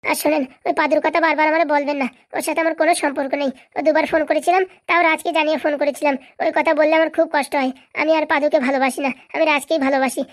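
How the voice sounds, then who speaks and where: A hurt young wife stands her ground with insistent replies in a cartoon, voiced by a woman. Her voice is high and the delivery very fast. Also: steady tone, natural voice. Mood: firm. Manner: insistent, self-defending. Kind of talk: cartoon voice acting.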